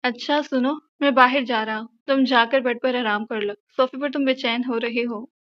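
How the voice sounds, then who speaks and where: A woman's voice: fairly high pitch, steady tone, normal speed, highs cut off, lightly acted. A woman voicing a proud, possessive young husband in an audio novel, asking curt, commanding questions.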